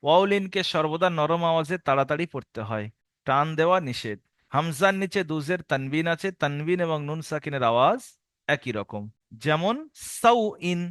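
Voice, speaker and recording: A man teaching a recorded Quran reading lesson for adults, slowly drawing out each spelled syllable, then explaining at a steady pace. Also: a little high, clear, resonant tone, dry recording, studio quality. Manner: slow drawn-out syllable-by-syllable spelling drills alternating with steady explanation.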